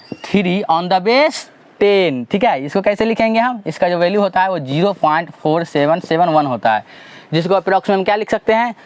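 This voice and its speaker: A man with a Bihari Hindi accent teaching a math lesson, asking and answering his own questions and drawing out each formula slowly. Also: sits high, no room sound.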